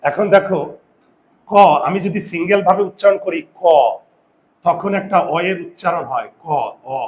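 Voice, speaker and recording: A man teaching a grammar lesson, asking students rhetorical questions and slowly stressing and repeating key words, with confident asides. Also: high voice. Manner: addresses students directly with frequent rhetorical questions. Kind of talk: classroom-style video lesson.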